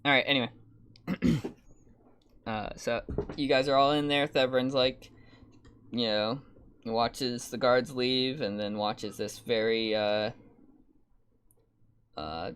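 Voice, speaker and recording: A young man narrating as dungeon master, relaxed and halting, with many fillers. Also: mid-range voice, smooth. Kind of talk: narrating a tabletop game.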